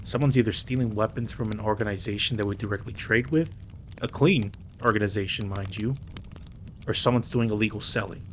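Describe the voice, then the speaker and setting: A man plays a dominant, teasing mafia boss in a roleplay audio drama, commanding, and he sometimes slips into Spanish. The character sounds indignant and serious yet protective. His natural voice is on the low side and brisk, with slight background noise.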